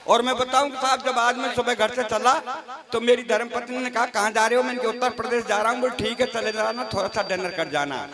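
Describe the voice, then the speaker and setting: A man with a very high, piping voice tells comic stories on a stage. He acts out little exchanges in quick back-and-forth. A lively crowd murmurs and reacts around him. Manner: storytelling with mock dialogue, teasing fellow poets. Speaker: stage comedy poet. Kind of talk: comic poetry recital. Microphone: stage microphone. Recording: live crowd behind the voice.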